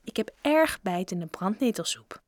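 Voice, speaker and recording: A woman's voice: medium pitch, sing-song, moderate pace, dry recording, clean studio sound, lightly acted. A woman doing a sugary old dinner lady. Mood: sweet. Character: kindly old female school dinner lady. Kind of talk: storybook reading.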